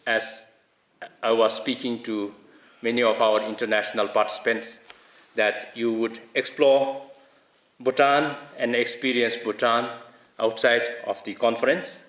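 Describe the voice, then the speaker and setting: A man hosting a conference, giving an earnest formal welcome speech in measured phrases. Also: mid-range voice, fairly bright tone. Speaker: conference host. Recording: echoey conference hall.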